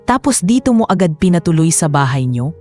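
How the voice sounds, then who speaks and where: A woman's voice: low-pitched, big pitch swings, brisk, a little mellow, soft background music. A woman voicing a nosy, suspicious middle-aged village man in a spoken love story.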